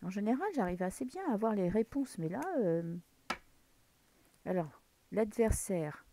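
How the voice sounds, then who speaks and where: A woman's voice: mid-range voice, expressive, a little slow, dark tone. French woman musing over tarot cards. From France. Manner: muses aloud while drawing cards, drops into whispers. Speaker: tarot card reader. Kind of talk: casual tarot reading to camera.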